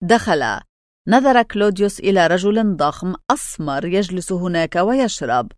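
A woman narrating a story for an audiobook in an expressive, dramatic reading style. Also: lowish voice, moderate pace, no room sound, clean studio sound.

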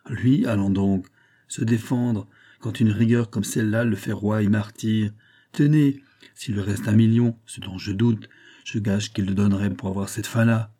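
A man's voice: fairly low pitch, dark tone, breathy edge. A man voicing a blunt, ironic veteran musketeer captain in an audiobook. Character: bold veteran male musketeer captain, impertinent.

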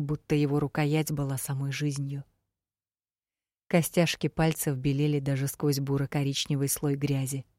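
A young adult woman reading a first-person fantasy audiobook in a steady, measured way. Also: low voice, dry recording, studio quality. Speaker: audiobook narrator.

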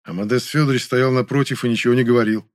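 A man reads a first-person story aloud. His pitch sits in the middle and his delivery is calm with a wry edge. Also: very fast, no room sound, clean studio sound. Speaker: audiobook narrator. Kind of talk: first-person audiobook narration.

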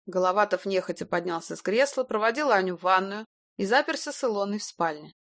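A woman narrates a first-person detective novel in a brisk, wry, even manner. Her voice sits at a middle pitch. The studio recording is dry and close. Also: dry recording. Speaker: audiobook narrator.

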